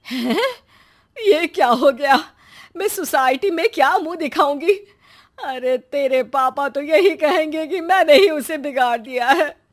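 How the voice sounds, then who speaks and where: A woman's voice: high-pitched, animated, measured pace. A woman playing a naive, anxious middle-aged mother in a moral story, fretful and wailing. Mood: distraught.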